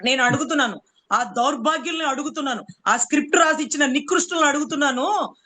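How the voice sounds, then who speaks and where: A woman's voice: high-pitched, quick pace, bright, forceful tone. A woman from Andhra Pradesh arguing hard in a political debate, sarcastic and full of rhetorical questions. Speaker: political commentator.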